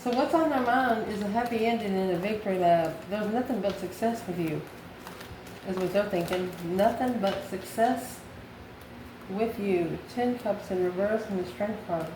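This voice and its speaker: This woman from the US reads tarot casually and spontaneously, wondering aloud and then answering herself. She has a mid-range voice at a moderate pace, and the echoey room carries clear background noise.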